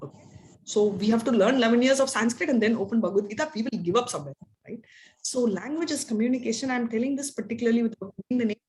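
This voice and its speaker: Speaking fast in a slightly high voice with a darkish tone, this woman is a spiritual teacher giving a casual, rambling talk to an online class, frequently tossing in "right?". Telugu is her first language, and the recording quality is low.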